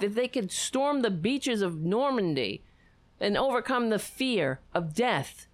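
An American woman delivers political commentary like a rally speech, at a slow, deliberate pace. Her pitch sits in the middle for a woman. She is emphatic and halting, leaning on repeated rallying phrases as a show host.

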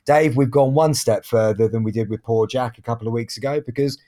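A man's voice: medium pitch, a little fast, dark tone. A man hosting a podcast in a chatty, self-deprecating, casual way. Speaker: podcast host.

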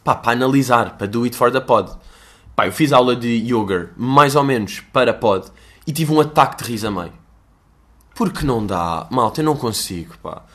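A man's voice: medium pitch, moderate pace, a bit bright. A young man with a European Portuguese accent, hosting a casual solo podcast in a rambling, self-mocking way with plenty of swearing. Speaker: podcast host.

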